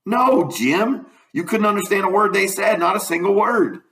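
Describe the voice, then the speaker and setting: A man's voice: high voice, expressive, moderate pace, pushed and bright, voice pushed up, exaggerated voice. Man reading as Huck, plainspoken country boy, echoey. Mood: assured. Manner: plain, colloquial, explaining. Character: plainspoken country boy Huck, patient, matter-of-fact explainer. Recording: roomy, echoing room.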